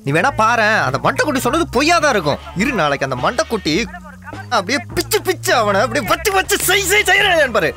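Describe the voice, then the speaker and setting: A brash, quarrelsome sidekick in a film comedy. He talks quickly in a bright, lively voice that leaps around, with faint music behind. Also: high-pitched, full character voice. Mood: bickering. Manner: shouty, squabbling, fast. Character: loud hot-headed buddy Jack. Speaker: film actor. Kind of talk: comic film dialogue.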